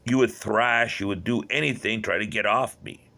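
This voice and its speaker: A man's voice: fairly low pitch, normal speed, gravelly, bright, forceful tone. A man telling a personal story in a rambling, agitated monologue that often breaks off and checks in with the listener. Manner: agitated, rambling, with many restarts and "right?". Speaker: vlogger.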